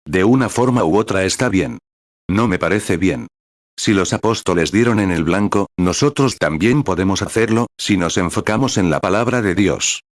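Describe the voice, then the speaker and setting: Earnest low-voiced man preaching. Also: animated, dry recording, studio quality. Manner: earnest, rhetorical questions, measured delivery. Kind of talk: sermon read in translation.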